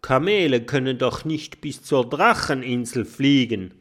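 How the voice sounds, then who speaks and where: Mathilda: a man playing an inquisitive little girl creature, slow and wondering. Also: medium pitch, lively intonation, a bit bright. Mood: curious. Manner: curious, questioning. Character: young female creature friend, curious.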